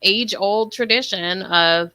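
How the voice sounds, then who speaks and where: A woman's voice: mid-range voice, takes it slowly, bright, forceful tone, no room sound. A woman from Brooklyn with a Brooklyn accent, co-hosting a casual podcast and laughing often. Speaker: podcast co-host.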